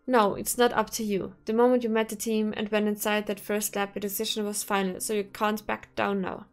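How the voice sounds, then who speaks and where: A woman voicing a manipulative male professor while reading a visual novel aloud, coaxing and calmly threatening. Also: mid-range voice, a little fast, soft background music, lightly acted. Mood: menacing. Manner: smooth, coaxing, coldly threatening.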